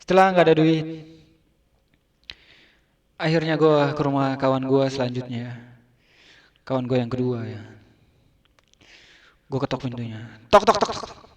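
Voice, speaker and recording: A man's voice: mid-range voice, unhurried, pauses often. A man performing a stand-up comedy monologue, telling an absurd, repetitive story in casual slang. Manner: shouts out acted lines of dialogue.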